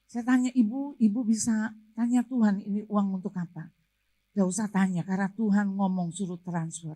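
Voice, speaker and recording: A woman's voice: medium pitch, steady tone, moderate pace, warm tone. A middle-aged woman pastor preaching a sermon with a personal testimony, moving from storytelling to fervent exhortation. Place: church service.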